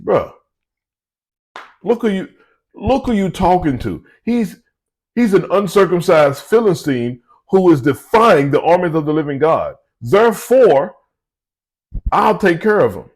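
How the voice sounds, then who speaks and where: Man doing a cocky young warrior, pitched up. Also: very animated, a little slow, pauses often, breathy edge, full character voice. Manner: casual street slang, cocky. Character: brash confident young male warrior, slangy.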